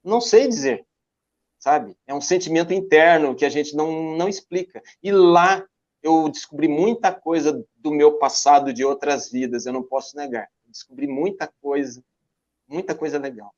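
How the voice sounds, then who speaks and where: A man's voice: a little high, normal speed, a little mellow. An older man from Brazil with a Brazilian Portuguese accent, talking as an interview guest about his backpacking travels. He is an enthusiastic storyteller who poses rhetorical questions and answers them himself. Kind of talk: casual interview over a video call. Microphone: video call. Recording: lo-fi video call audio.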